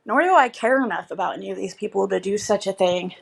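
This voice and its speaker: A woman's voice: mid-range voice, fast talker, creaky. A woman chatting casually and bluntly to viewers on a livestream, rambling in a gossipy, sweary way.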